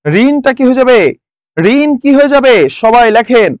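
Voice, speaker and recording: A man's voice: extremely high pitch, expressive, unhurried, dry recording. A young man from Bangladesh teaching a live exam-prep class online, quizzing students and repeating the answers. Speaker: online tutor.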